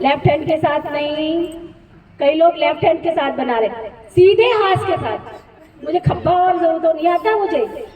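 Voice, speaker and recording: Very high-voiced woman quizzing a group. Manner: instructive, keeps quizzing the group and urging louder answers. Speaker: spiritual teacher. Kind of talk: spiritual class with call-and-response. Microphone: no microphone, speaking unamplified. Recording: distant voice with loud outdoor noise.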